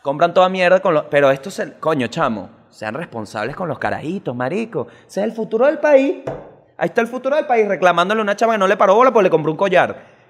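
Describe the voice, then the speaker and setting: A man with a Venezuelan accent who hosts a comic news show and rants fast, swears a lot, and jumps sharply in pitch. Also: sing-song, in a large hall. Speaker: host.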